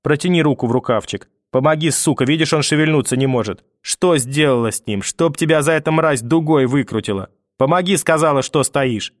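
A man's voice: fairly high pitch, brisk, few pauses, no echo, clean studio sound, pitched above the performer's own voice, close to an everyday voice. A man voicing a furious old grandmother who spits curses and threats in a raised, strained voice. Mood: harsh. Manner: venomous, screaming curses. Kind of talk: audiobook character voice.

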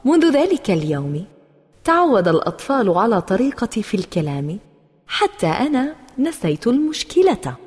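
A woman reading a children's story aloud in an expressive, animated manner. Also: on the high side, normal speed. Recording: roomy reverb with soft music.

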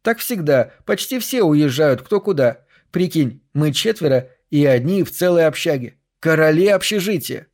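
A man's voice: a little high, lively intonation, normal speed, few pauses, a little mellow, pitched above the performer's own voice. A man voicing a young woman friend who talks in a coaxing, friendly way. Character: young woman, warm old friend, Masha.

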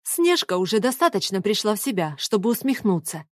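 A woman reading a first-person story as an audiobook narrator, in an even storytelling manner. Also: medium pitch, brisk, dry recording, studio quality.

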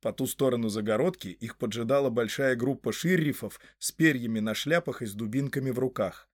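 A man narrating a storybook in a scripted reading, lively and expressive. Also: medium pitch, a little fast, no room sound, studio quality. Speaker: audiobook narrator.

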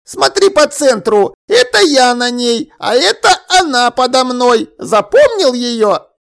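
A man doing a gravelly, nosy old neighbor lady. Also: extremely high pitch, big pitch swings, a bit bright, voice pushed up, heavily acted. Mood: conspiratorial. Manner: conspiratorial, scolding, drawn-out exclamations. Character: nosy fussy elderly woman neighbor, gossiping. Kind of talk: audiobook character voice.

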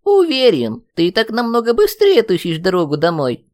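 A man voicing a small clay golem in an audiobook, a whiny, mocking little creature with a squeaky voice. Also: wildly swooping pitch, brisk. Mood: taunting. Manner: sneering and theatrical. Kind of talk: audiobook character voice.

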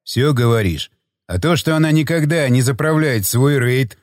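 A man's voice: medium pitch, normal speed, a little mellow, clean studio sound, lightly acted. Guy voicing a blunt no-nonsense stalker, talks down, echoey tail. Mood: explaining. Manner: dismissive, lecturing. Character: skeptical grown male stalker, gruff and blunt. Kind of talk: audiobook character voice.

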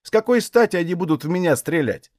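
A man's voice: high voice, sing-song, fast, a little mellow, no room sound, studio quality, pitched above the performer's own voice. A man voicing a nosy, grumbling old widowed Cossack aunt who chides in folksy village speech. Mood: scoffing. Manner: chiding, fussy village speech.

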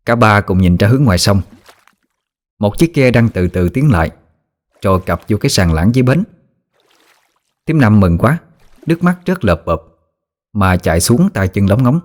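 A man with a Southern Vietnamese accent narrating a ghost story in a lively storytelling manner. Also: fairly low pitch, normal speed, long pauses.

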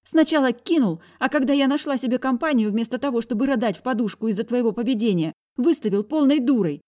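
A woman voicing a defiant eighteen-year-old girl, shrill and indignant in an audiobook. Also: lively intonation, quick pace, warm tone, lightly acted. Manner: shrill, indignant, pushing back. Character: bratty defiant young woman, hot-tempered.

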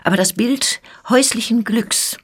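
A woman giving a slow, measured literary reading for radio, hushed at times. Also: a little high, slightly rough. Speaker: reader.

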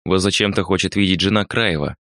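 An elderly count in a storybook, speaking low and measured, gently persuading, as a male narrator puts him on. The voice sits low and dry. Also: no echo. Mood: earnest. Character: elderly count, anxious and gentle old man.

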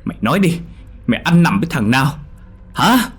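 A man playing a violent, furious older farmer who shouts and curses at his daughter. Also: low voice, fairly quick. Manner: shouting, harsh, cursing.

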